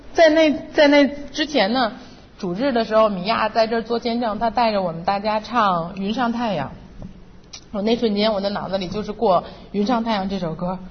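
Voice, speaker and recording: A woman's voice: medium pitch, slightly rough. A middle-aged woman giving an earnest, emotional personal testimony at church. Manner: earnest and emotional, re-enacting her own prayers. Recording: muffled, reverberant hall with faint noise.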